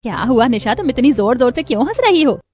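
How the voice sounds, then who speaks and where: A woman's voice: high-pitched, big pitch swings, fast, a little mellow. A woman voicing a firm, motherly mother-in-law. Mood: caring. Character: caring but stern middle-aged mother-in-law. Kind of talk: cartoon voice acting.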